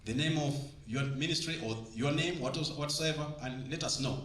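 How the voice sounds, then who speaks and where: A man's voice: fairly high pitch, normal speed, fairly bright tone. A man with a Southern African English accent, a church leader, addressing a convention and coaxing the crowd with repeated instructions. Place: large convention hall. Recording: roomy hall with faint ambience.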